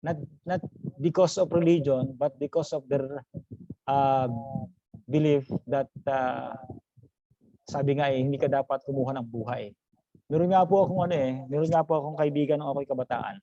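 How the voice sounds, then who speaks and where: A pastor quizzes his online class, calling them brothers and sisters and slipping English phrases into his talk. He speaks at a moderate pace in a steady, warm, mid-range voice with no echo, though the video call sound is dull and lo-fi.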